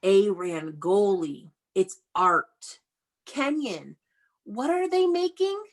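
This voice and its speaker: During an interactive video-call lesson, a woman teacher reads to young kids, guiding them with questions and repeated prompts. She talks slowly in a mid-range voice full of lively intonation.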